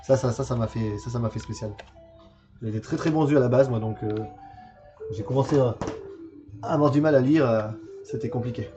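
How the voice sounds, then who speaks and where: Over music, a man in his forties casually shows games from his collection on a livestream, speaking a little fast in a mid-range voice but with long pauses. He's hesitant, with lots of fillers and repeated words.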